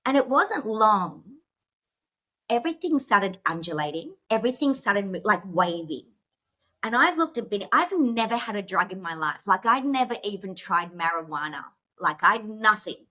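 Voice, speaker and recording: A woman's voice: medium pitch, big pitch swings, normal speed, pushed and bright. A woman who is a podcast guest, telling a personal story in a rush, with many fillers and restarts, and emotional at moments.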